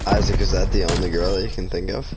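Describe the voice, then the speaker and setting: A young man crudely teasing his friends while they play together. His voice sits a little low for a man. Loud game gunfire drowns much of the sound around him. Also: flat delivery, fast, very noisy. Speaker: gaming friend. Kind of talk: casual chat while gaming. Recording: distant voice under loud gunfire.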